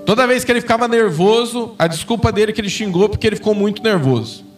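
A man's voice: high voice, animated, quick pace, recorded from a distance, faint music behind. A man with a Brazilian Portuguese accent preaching a sermon in church, telling personal stories and acting out the quoted dialogue. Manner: storytelling, acts out quoted dialogue with rising intensity. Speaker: pastor. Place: church sanctuary.

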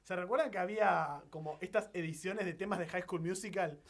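A man's voice: high-pitched, a little fast. A man with a Rioplatense accent co-hosting a radio show, telling stories and often laughing. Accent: Rioplatense Spanish. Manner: laughing, storytelling. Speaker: radio co-host. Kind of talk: casual radio banter. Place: radio studio.

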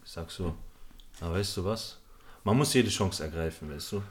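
A man's voice: low-pitched, animated, moderate pace. A young man hosting a podcast, telling a rambling, slangy story to friends with lots of fillers. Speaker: podcast host. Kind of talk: casual storytelling among friends.

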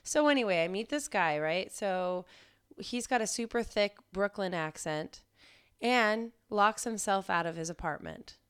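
Young woman co-host, chatty and blunt storyteller, very smooth tone. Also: medium pitch, expressive, measured pace, fairly bright tone. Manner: blunt, laughing storyteller, many "like"s. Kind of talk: casual chat.

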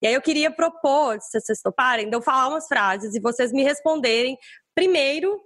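Woman, higher voice, dry close sound. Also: expressive, brisk, a bit bright, dry recording. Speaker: panelist leading an exercise. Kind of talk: casual discussion.

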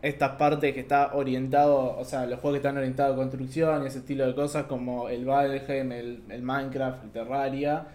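A young man steers a relaxed chat about video games. His voice sits in the middle of the male range, and he fills his talk with easygoing agreement words. The recording has a roomy, echoey sound. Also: mid-range voice, brisk, few pauses. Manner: agreeable, fills with "claro" and "viste". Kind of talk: casual gaming chat. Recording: roomy echo.

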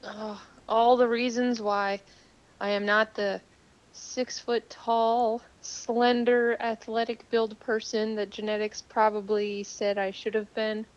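A woman's voice: a little high, flat delivery, slow. Casual woman co-host, calling in, tinny tin-can phone sound, rambling and chatty. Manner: chatty, rambling, lots of fillers. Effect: tinny cell-phone sound, like a tin can. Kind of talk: casual podcast chat. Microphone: cell phone call.

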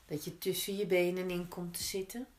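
Female yoga teacher, lowish voice, very slow and gentle guided instruction, roomy echo. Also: little pitch movement. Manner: gentle, unhurried step-by-step guiding with pauses. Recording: roomy, echoing indoor sound.

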